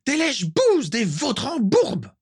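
A man voicing a furious, haughty older witch who screams insults in a shrill, screeching voice. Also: wildly swooping pitch, slow, darkish tone, breathy edge, heavily acted. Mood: screaming.

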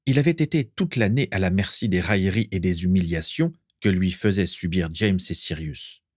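Low-voiced guy reading a story aloud, dead dry recording, steady pace. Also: dry recording. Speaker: narrator. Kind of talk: audiobook reading of fan fiction.

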